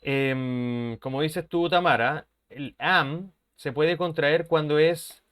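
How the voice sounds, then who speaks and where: A man's voice: on the high side, takes it slowly, a bit bright, clear, resonant tone. A man, an English teacher who explains patiently, repeats his points and keeps checking that his students follow. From Chile. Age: 30s. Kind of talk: language lesson explanation.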